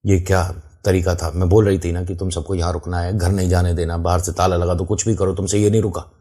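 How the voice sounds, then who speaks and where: A man's voice: sits low, level tone, fast, warm tone. A man telling a true-style horror story in casual first person. He talks to the listener directly and explains the scene as he goes.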